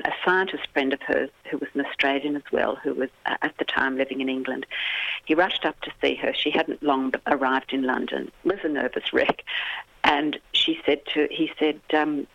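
An interview guest recounts a story earnestly and vividly, pausing to gather thoughts. The audio is dull and lo-fi, dry with no room sound. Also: medium pitch, fairly even intonation, gravelly, a bit bright, no room sound. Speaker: guest author.

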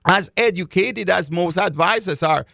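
A man's voice: sits high, moderate pace, gravelly, pushed and bright, dry recording, clean studio sound. A man giving a direct talk to his audience as a financial educator, speaking emphatically, repeating key phrases and calling his listeners folks.

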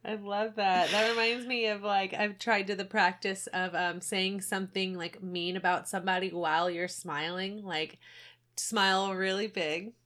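A woman's voice: medium pitch, level tone, normal speed, fairly bright tone. A married woman co-hosting a podcast, chatting in a playful, enthusiastic way and laughing easily. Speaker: podcast co-host. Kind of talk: casual chat.

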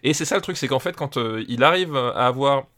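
A man's voice: mid-range voice, lively intonation, fairly quick, fairly bright tone. A man with a French accent on a podcast, enthusiastic, repeating words and stacking fillers as he talks. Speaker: podcast guest. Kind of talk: casual podcast chat.

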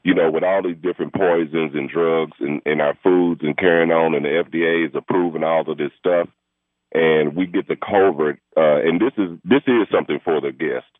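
A man's voice: extremely low pitch, steady tone, normal speed, dry recording. A man calling in to a radio show over the telephone, talking in an insistent, rambling, argumentative way. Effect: heard over a telephone line. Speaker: radio call-in caller. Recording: tinny phone line, dry.

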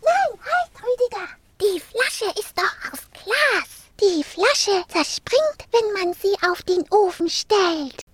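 A woman voicing an anxious, caring little girl in a children's story, high and pleading. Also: measured pace, few pauses, background noise. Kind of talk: children's audiobook reading.

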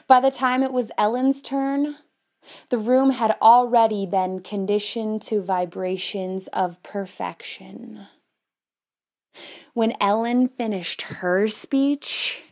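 A woman in her twenties delivering a prepared personal speech, telling a story with measured, dramatic pauses. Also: a little high, darkish tone. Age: 20s. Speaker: speaker.

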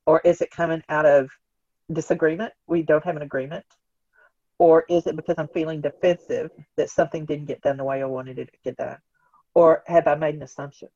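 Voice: medium pitch, fairly even intonation, brisk, warm tone, husky, no room sound. Earnest expert guest, dull dry recording. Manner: earnest, talks in questions and acted-out quotes, tags "right?". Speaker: guest expert on organizational change. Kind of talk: conversational explaining in an interview.

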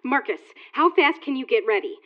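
An actress playing an anxious, hurried woman warning a friend by phone. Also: high-pitched, lively intonation, dull audio, background noise.

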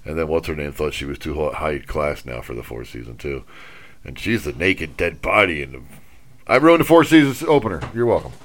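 A man's voice: very deep voice, lively intonation, fairly quick. A man co-hosting a casual chat about films and shows, loose and jokey, often answering "yeah, yeah" and talking over his partner. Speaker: podcast co-host.

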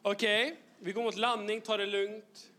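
A bright-toned man preaching in a church, lively and full of jokes. His voice sits high and sounds forceful, and he slips English phrases into his sermon. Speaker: youth pastor. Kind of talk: humorous sermon. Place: church hall.

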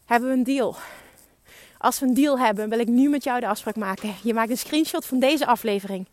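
High-voiced, urging woman coach. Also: fairly quick. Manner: emphatic, urging, swears for emphasis. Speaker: podcast host and business coach. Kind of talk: motivational monologue.

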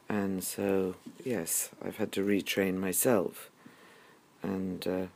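An older man, giving a halting, wry personal monologue as host of his own audio series. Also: lowish voice, a little mellow, rough recording. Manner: musing, halting, with wry humour. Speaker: podcast host.

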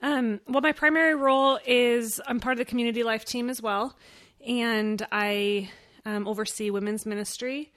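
A woman's voice: fairly high pitch, fairly even intonation, moderate pace, a bit bright. A woman speaking as a guest in a casual podcast conversation, slightly out of breath as she talks. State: slightly out of breath from late pregnancy. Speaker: podcast guest, pastor and women's ministry overseer.

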